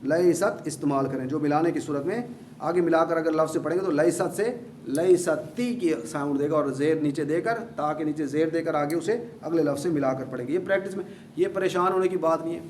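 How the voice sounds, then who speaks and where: A man's voice: fairly high pitch, darkish tone. A man teaching grammar to a class, repeating key points patiently and encouraging his students. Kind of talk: classroom lecture. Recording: echoey room, faint background hum.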